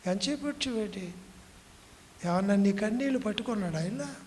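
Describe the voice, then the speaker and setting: A man's voice: high-pitched, moderate pace, darkish tone. A man preaching a sermon, asking the congregation questions as he goes. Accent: Telugu. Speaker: pastor. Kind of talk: Telugu sermon. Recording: reverberant hall, faint noise.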